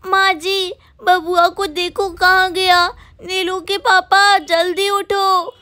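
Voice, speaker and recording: A woman's voice: very high voice, little pitch movement, slow, pushed and bright, no echo, clean studio sound, exaggerated voice. A woman voicing an apologetic young mother pleading with her mother-in-law.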